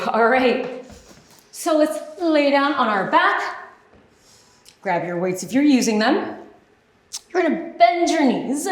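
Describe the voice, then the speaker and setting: A woman working as an aerobics instructor, leading a workout with short, encouraging, directive cues and counted-out moves. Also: on the high side. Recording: echoey, roomy sound.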